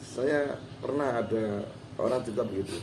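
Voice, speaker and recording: A man teaching Quran recitation in a relaxed, folksy way, now and then acting out short quotes. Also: mid-range voice, moderate pace. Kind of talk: informal religious lesson. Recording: roomy hall with faint background noise.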